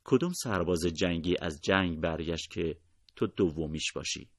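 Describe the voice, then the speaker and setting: Wise elderly mother, soft-spoken and steady; man voicing her in a dry, close read. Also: deep voice, no room sound. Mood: gentle.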